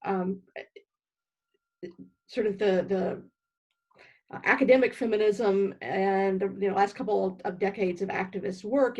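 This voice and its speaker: A woman theologian speaking in a measured, thoughtful way with some ums, discussing her book in a live online conversation. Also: mid-range voice, darkish tone, lo-fi sound. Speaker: theologian, guest author.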